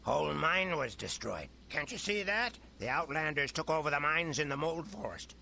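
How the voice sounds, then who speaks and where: Old hermit miner, folksy, excitable, sharp and forceful, creaky, video game character, faint noise behind. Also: male voice, on the high side, normal speed, full character voice. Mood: gruff, indignant. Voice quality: creaky, cracked old-man voice. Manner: folksy, rustic speech. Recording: game audio with background noise.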